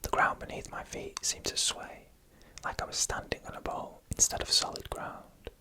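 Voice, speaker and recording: In ASMR style, a storyteller whispers an eerie first-person tale, breathy and unvoiced, with deliberate, suspenseful phrasing.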